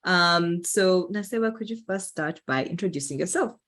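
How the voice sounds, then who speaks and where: A woman from Uganda hosting a podcast interview, relaxed and hesitant with fillers. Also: lowish voice, moderate pace. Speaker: podcast host. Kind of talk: casual interview.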